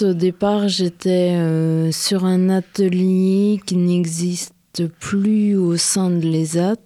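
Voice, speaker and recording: A woman in her thirties with a western French accent, answering questions in a radio studio with halting speech and many pauses. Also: fairly low pitch, warm tone, no echo. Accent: French, from western France. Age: 30s. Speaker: interviewee. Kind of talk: radio interview.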